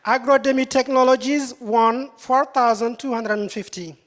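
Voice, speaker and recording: A woman reading out a list of award winners in a steady way. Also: a little high, moderate pace. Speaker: awards presenter. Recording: hall reverb with crowd noise.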